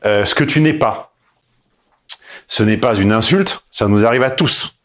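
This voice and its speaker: A man's voice: mid-range voice, measured pace, fairly bright tone. A man coaching a caller on her dating life, blunt and emphatic, with mocking asides. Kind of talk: casual coaching call.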